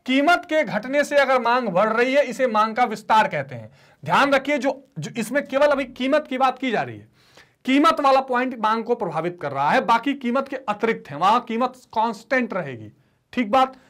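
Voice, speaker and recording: A man's voice: very high-pitched, animated, normal speed, fairly bright tone. A male economics teacher giving an online lecture, mixing in English terms and voicing his students' replies before answering them himself. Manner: call-and-response teaching, asks students to repeat terms.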